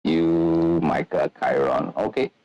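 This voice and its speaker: A man's voice: low voice, takes it slowly, creaky, a little mellow, dull audio. A man running a tabletop game online as game master, calling out rolls and turns in a matter-of-fact way.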